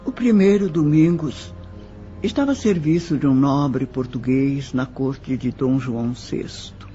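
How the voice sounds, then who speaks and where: Medium in pitch, dark in tone and only lightly acted, a man's voice with a Brazilian accent portrays a sorrowful widow of the nineteenth century. She reminisces about her life in slow, measured, formal recollection for a scripted audio drama. Background music sits under a slightly muffled sound.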